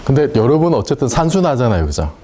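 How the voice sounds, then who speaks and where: A man teaching a university class, talking casually and often asking his students questions. His pitch rises and falls a lot, and his voice has a mellow tone. Faint room noise sits under the recording of the lecture hall. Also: big pitch swings, fast. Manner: chatty, asks the class questions and laughs at his own points.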